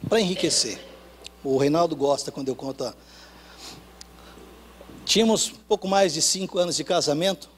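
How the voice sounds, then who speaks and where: A Brazilian man preaches with a high, carrying voice. He drops to hushed, low lines, then climbs back up to loud, rising ones. He acts out the dialogue in the stories he tells. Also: moderate pace, pauses often, a little hiss or hum. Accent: Brazilian Portuguese. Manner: storytelling with acted dialogue. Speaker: pastor. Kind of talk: sermon.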